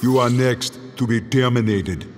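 A man playing a too-smooth android killer. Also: medium pitch, a little slow, faint music behind, natural voice. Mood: cold. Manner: flat, clipped, smooth machine-like delivery. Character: emotionless male cyborg killing machine. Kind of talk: video game dialogue.

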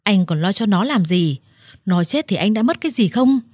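A woman voicing a furious older village woman who scolds her brother in a harsh, shouting manner. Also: medium pitch, expressive, moderate pace, no echo, studio quality, lightly acted.

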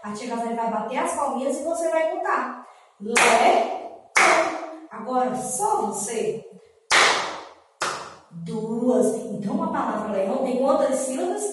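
Woman, preschool teacher, high and unhurried, recorded from afar with long reverb. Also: lively intonation, very noisy. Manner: drawn-out syllables, counting and asking questions. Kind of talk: slow, sing-song classroom lesson for young children. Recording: echoey room from far off.

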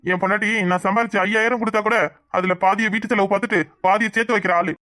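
A man's voice: high-pitched, fairly even intonation, racing, bright, forceful tone, no echo, studio quality. A man voicing a proud, devoted young husband who speaks earnestly and makes speeches. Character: proud devoted young husband, brave about being broke.

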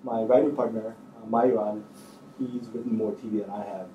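Speaking at normal speed in a low, steady voice, a man in his thirties answers casually and hesitantly as a panel screenwriter, thinking aloud informally. He's seated on an indoor auditorium stage; the sound is lo-fi, roomy, distantly miked, and faintly noisy.

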